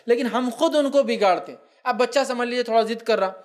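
A man with a high, light voice gives a religious talk in on raising children. He drops into his speech and slips into quoted family members to make his points. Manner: acts out quoted family members in lively asides. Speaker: Islamic speaker.

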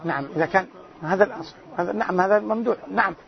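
A loud-voiced man teaching a religious lesson as a sheikh, quizzing his listeners with rhetorical questions. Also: high voice, racing, vocal fry. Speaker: sheikh teaching a hadith class. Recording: dull lo-fi lecture recording.

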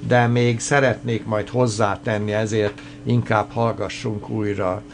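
A male radio host presenting history notes, pausing often with filler sounds and restarting phrases. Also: fairly low pitch, flat delivery.

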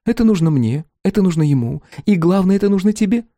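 A man's voice: high voice, expressive, quick pace, mellow, dry recording, studio quality, pitched above the performer's own voice. A man voicing a carefree, playful young woman who talks in a wheedling, theatrical way. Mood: teasing.

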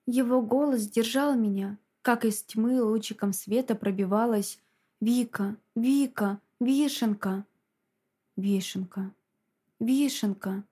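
A woman narrating a novel in a measured, quiet, dramatic reading. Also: medium pitch, fairly even intonation, husky. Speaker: audiobook narrator. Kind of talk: scripted narration.

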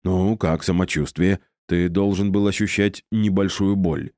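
A man's voice: low voice, fairly even intonation, unhurried, darkish tone, no echo, studio quality. A man voicing a lonely, cruel old wizard who talks in a patronizing, mocking way.

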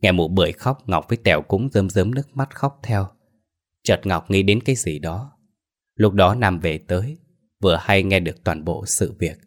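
A man's voice: deep voice, moderate pace. A man narrating a folk horror story in a plain, earthy storytelling manner.

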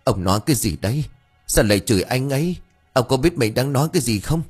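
A man's voice: mid-range voice, expressive, fast, darkish tone, husky, soft background music, voice pushed up. A man voicing a distraught wife who sharply reproaches her husband. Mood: reproachful.

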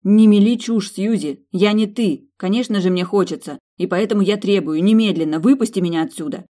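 Angry, loud young woman trapped in a bathroom, voiced by a female audiobook reader; raised pitch, shouting. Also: brisk, close to an everyday voice. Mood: furious. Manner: shouting, indignant.

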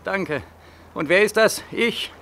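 A desperate young returning soldier. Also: male voice, high voice, slow pace, slight background noise, full character voice. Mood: desperate defiant. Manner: agitated, defiant, shouting back. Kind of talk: 1940s radio drama acting.

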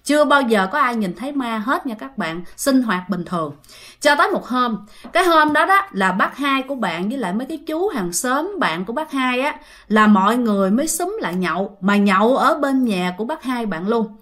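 A woman's voice: on the high side, expressive, a little fast, fairly bright tone. A woman telling a ghost story in a chatty, casual way, speaking directly to her listeners.

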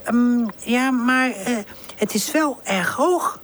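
A woman's voice: slow, slight background noise. A woman doing a cautious girl puppy. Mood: hesitant. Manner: high, hesitant child-like voice. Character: sweet, cautious young female puppy.

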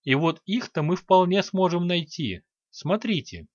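A man voicing a quick, indignant scholarly count in an audiobook. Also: high-pitched, big pitch swings, no room sound, highs cut off, voice pushed up, full character voice. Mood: explaining.

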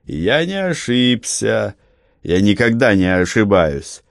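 A man voicing a smug, sneering Roman commander who talks slowly and mockingly in an audiobook. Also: on the low side, big pitch swings, creaky, no echo, clean studio sound, full character voice. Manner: sneering, drawn-out slow delivery.

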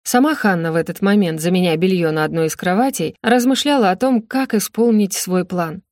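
A woman's voice: fairly low pitch, fairly quick, a little mellow, no room sound. Woman reading a story, dry close sound. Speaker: audiobook narrator. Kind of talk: scripted narration.

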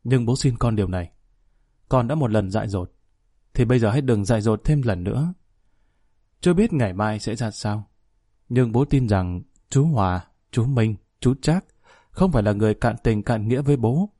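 A weary elderly father who speaks softly and pleads, read by a man narrating an audiobook. His voice is warm and dark. The recording is close and dry. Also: medium pitch, lively intonation, moderate pace, no room sound, natural voice. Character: worried elderly father, gentle and resigned.

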